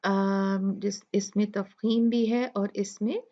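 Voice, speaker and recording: A woman with a Pakistani Urdu accent teaching Quran recitation rules, patiently repeating sounds slowly to demonstrate them. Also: medium pitch, fairly even intonation, dark tone. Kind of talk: tajweed lesson explaining recitation rules. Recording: dull lo-fi recording.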